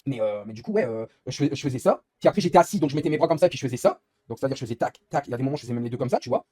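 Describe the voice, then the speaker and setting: A man's voice: mid-range voice, animated, racing, dark tone, breathy edge, no echo. A young man live-streaming while gaming, rambling in casual chat and swearing often as he complains.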